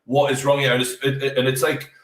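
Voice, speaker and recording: A man's voice: medium pitch, completely flat delivery, quick pace, fairly bright tone. A man, a guest in casual chat, talking bluntly and swearing freely, heard through a tinny, metallic-sounding mic. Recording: tinny echoey remote mic from far off.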